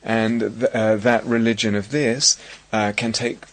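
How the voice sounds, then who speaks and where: A middle-aged man with an English accent giving a dharma talk as a meditation teacher, speaking in a reflective, halting way with many restarts. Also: fairly low pitch, level tone. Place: meditation hall at a retreat centre.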